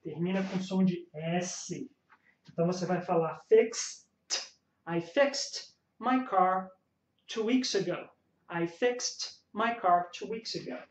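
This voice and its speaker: A man with a Brazilian accent teaches English pronunciation, drilling each word slowly and deliberately. His voice sits at an ordinary pitch in a roomy space. The recording is slightly dull and muffled. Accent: Brazilian Portuguese. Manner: slow, careful drilling of English words between Portuguese explanations. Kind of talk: pronunciation lesson.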